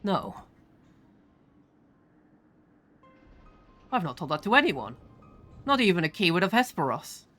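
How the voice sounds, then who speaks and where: A woman's voice: fairly low pitch, very animated, a little fast, fairly bright tone, faint music behind. A woman reading the lines of a bitter, earnest young male mage in a solemn, old-fashioned way.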